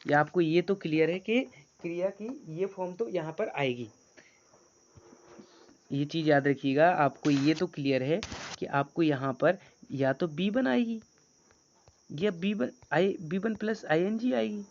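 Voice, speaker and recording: A man's voice: on the high side, slight background noise. Male teacher coaxing students. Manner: coaxing, repeats phrases, reads English sentences slowly. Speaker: English teacher. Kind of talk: online grammar class. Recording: dull lo-fi sound.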